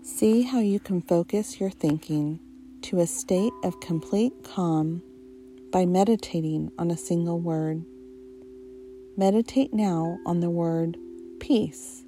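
A woman guiding a relaxation meditation in a soft, soothing, hypnotist-like voice, leaving long pauses between short phrases. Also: fairly low pitch, a little hiss or hum. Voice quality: soft, mellow. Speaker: guided meditation narrator.

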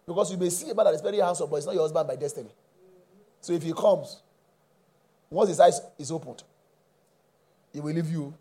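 A middle-aged man preaching a sermon, using call-and-response and bursting into shouts. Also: fairly high pitch, a little fast, pauses often, husky. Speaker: pastor.

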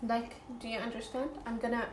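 Young woman vlogger, slightly high voice, chatty with lots of fillers, roomy echo. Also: level tone, brisk, a little hiss or hum. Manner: chatty, full of fillers and restarts. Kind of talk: casual chat while eating.

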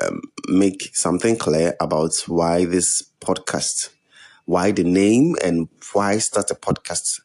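A young man with a West African accent, hosting a podcast alone in a measured, earnest way. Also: sits low, a little mellow. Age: young adult. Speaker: podcast host. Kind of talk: introductory solo podcast talk.

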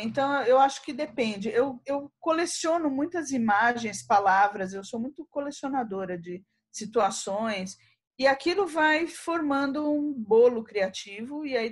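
A woman, a poet telling stories as an interview guest, acting out dialogue with frequent laughter. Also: on the high side. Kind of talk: animated storytelling in an interview.

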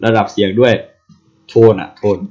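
A man's voice: moderate pace, dark tone, dull audio. A man casually explaining something to a co-host, playfully sounding out syllables one by one.

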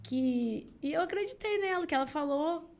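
A young woman from Brazil, a singer appearing on a podcast, sits high in pitch at normal speed as she tells an animated, casual story, performing the voices of the people she quotes.

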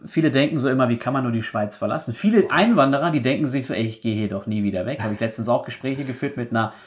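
A man's voice: mid-range voice, fast talker, a little hiss or hum. A man hosting a podcast interview, asking rambling, friendly follow-up questions. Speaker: podcast host.

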